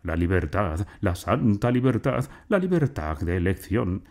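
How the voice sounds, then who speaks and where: A man's voice: low-pitched, very animated, measured pace, darkish tone, pitched above the performer's own voice, exaggerated voice. A man voicing a pompous older uncle who declaims lofty ideals, in a storybook reading. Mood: declaiming.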